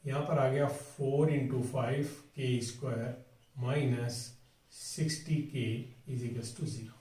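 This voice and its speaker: Slow man teaching math in an echoey room. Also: medium pitch, dark tone, distant mic. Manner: talks through each step, asking and answering his own questions. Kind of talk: board exam math tutorial.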